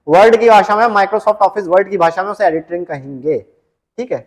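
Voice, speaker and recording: A man teaching an exam-prep computer lesson, reading English questions slowly and explaining them in casual Hindi. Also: high-pitched, animated. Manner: often adds "ठीक है" as a check-in.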